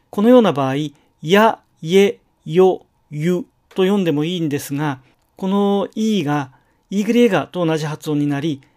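A middle-aged man teaching Spanish pronunciation in a recorded lecture, slowly and carefully sounding out each example word. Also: fairly high pitch, darkish tone. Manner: slow, careful, enunciated example words.

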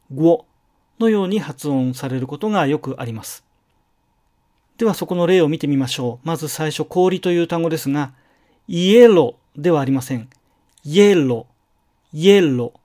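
A middle-aged man teaching Spanish pronunciation in a recorded lecture, slowly and carefully sounding out each example word. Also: a little high, a little mellow. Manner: slow, careful, enunciated example words.

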